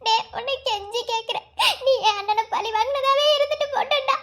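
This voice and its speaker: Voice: very high voice, fairly quick, a bit bright. A performer voicing a betrayed young pregnant woman in a cartoon love story, pleading and wailing through tears.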